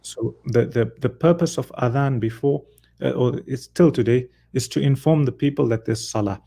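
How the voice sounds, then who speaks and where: Man, Quran reading teacher, patient step-by-step explanations, gravelly, dark tone. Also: mid-range voice, moderate pace. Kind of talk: one-on-one lesson.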